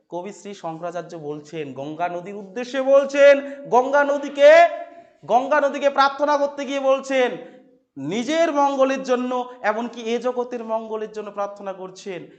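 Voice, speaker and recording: A man teaching Sanskrit verses to a class. He quizzes the students, repeats key phrases and chants the verses slowly. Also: very high voice, highs cut off. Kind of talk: classroom lecture explaining verses.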